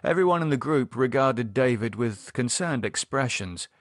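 Male audiobook narrator, measured delivery, mid-pitched, close dry studio sound. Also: animated, no room sound. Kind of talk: scripted narration.

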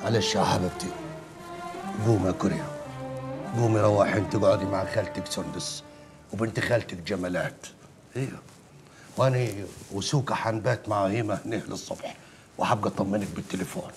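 An actor playing a soothing working-class uncle in an Egyptian TV drama, speaking Egyptian Arabic and often repeating himself. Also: male voice, lowish voice, quick pace, pauses often, over music, lightly acted.

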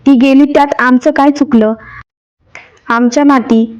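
A woman plays an older mother in a storybook tale, hurt and tearful as she protests. The fairly high voice sits on a dull lo-fi recording. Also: steady tone, unhurried, darkish tone.

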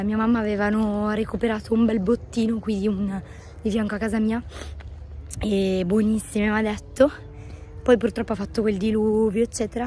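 A woman chats casually to a vlog camera, hoarse and losing her voice, at times breaking into a whisper. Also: medium pitch, mellow, slight background noise. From northern Italy. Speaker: daily vlogger. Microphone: phone at arm's length.

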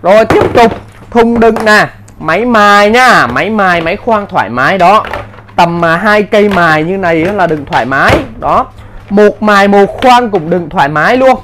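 A man giving an insistent hard-sell live sales pitch as a seller, in short, repetitive bursts. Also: expressive, normal speed, background noise. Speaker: live-sale seller of power tools.

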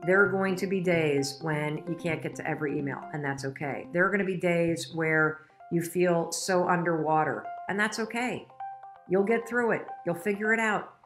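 A middle-aged woman with a lowish voice tells a personal story and turns it into a motivational talk. She speaks emphatically and with feeling, addressing her viewers directly, and faint music plays underneath. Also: normal speed, few pauses.

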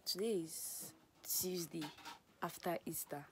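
A woman's voice: on the low side, slow, noisy background. A young woman chatting casually to her vlog audience, self-deprecating, with whispered asides. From Nigeria. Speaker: vlogger.

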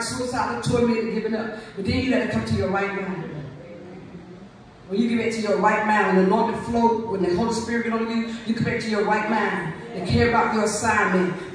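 A woman pastor preaching a fervent call-and-response sermon at a church service. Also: mid-range voice. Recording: echoey room, voice from a distance.

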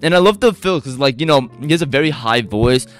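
An excitable man talks through a beatbox performance in loose, casual reaction commentary. His voice sits at an ordinary middle pitch. He gushes, rambles and trips over fillers, with faint music playing underneath. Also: a little fast.

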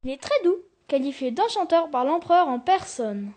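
Lofty fairy-tale nightingale, read by a student, very high voice, polite. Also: female voice, sing-song, normal speed, darkish tone. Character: various tale figures: Cinderella, a nightingale, Tom Thumb. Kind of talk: school class reading a storybook.

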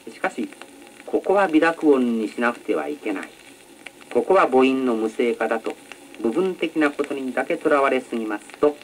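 A man teaching announcing technique in a measured, polite lecture style, on an old educational record. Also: lowish voice, rough recording. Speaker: announcing instructor. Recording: old record with faint noise.

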